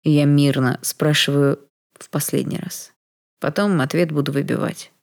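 A woman reading an audiobook, voicing a hooded male battle mage who speaks quietly, tersely and coldly. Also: on the high side, steady tone, brisk, vocal fry.

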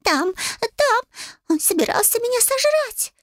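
A woman voicing a terrified female owl familiar who wails in a shrill, frantic voice. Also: very animated, unhurried, no room sound, clean studio sound, full character voice. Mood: panicked. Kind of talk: audiobook character voice.

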